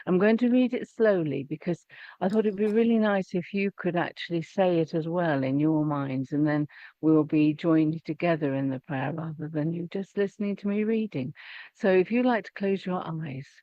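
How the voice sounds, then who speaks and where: A woman guides a meditation and then teaches on gratitude, gentle and unhurried, often restarting mid-phrase. Her voice comes over a video call that sounds dry and a little muffled, with no room around it. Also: fairly low pitch, no echo.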